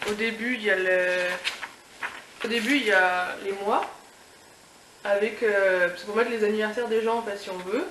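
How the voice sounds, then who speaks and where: Her mid-range voice has a slightly bright quality. She's a young beauty and lifestyle vlogger gushing over an item in a casual unboxing review, restarting often and using many fillers, recorded in an echoey room with noise behind her.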